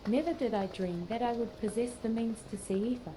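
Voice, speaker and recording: With a slightly high voice close to everyday speech, an actress takes on the role of an earnest female sage of scholarly bent in scripted fantasy game dialogue. She reflects solemnly in measured, pensive, archaic formal language while noise fills the background.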